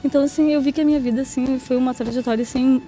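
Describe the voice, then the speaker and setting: Talking very fast in a high, mellow voice with a steady tone, a mother of two daughters shares her faith testimony. She's chatty, voices the dialogue of others, and keeps adding little tag questions like "né?" and "sabe?".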